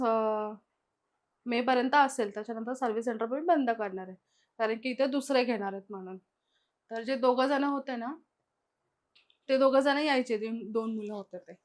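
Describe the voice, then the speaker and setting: Her voice is on the high side and a little mellow as this young female guest chats through personal stories. She relives the events by voicing other people's lines, filling her casual storytelling with quotes.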